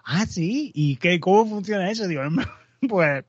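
A man's voice: sits high, lively intonation, measured pace, husky, no room sound. A man in casual chat, telling a story with frequent laughter and acted-out quotes. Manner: laughs often, acts out quoted voices. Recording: dull, slightly muffled, dry audio.

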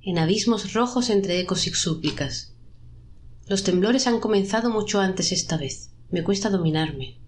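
Woman reading a creepy story, pitches up for trapped voices. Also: normal speed, darkish tone. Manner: voices trapped souls in a raised, pleading pitch. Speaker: narrator. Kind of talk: dramatic storytelling narration.

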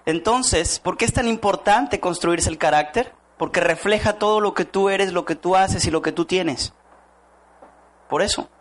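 A man's voice: sits high, measured pace. A man giving a motivational talk to an audience, asking rhetorical questions and acting out quoted voices. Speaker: network marketing speaker.

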